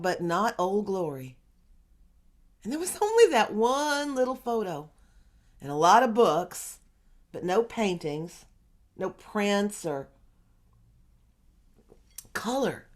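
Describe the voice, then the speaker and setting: An actress playing a woman who muses wryly about her therapist in a stage monologue. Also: mid-range voice. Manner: musing, wry, unhurried. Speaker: stage actor. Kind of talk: theatrical monologue.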